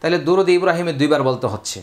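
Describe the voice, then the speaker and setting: A man teaching a Quran reading lesson, explaining rules and then chanting the words slowly in a raised voice. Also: on the high side. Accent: Bangladeshi Bengali. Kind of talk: step-by-step recitation lesson.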